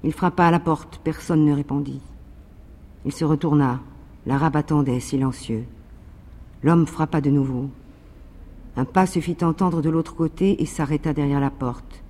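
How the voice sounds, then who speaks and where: A man's voice: fairly high pitch, in a large hall. Man reading a novel aloud. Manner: measured, even narration. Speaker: reader. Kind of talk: literary reading.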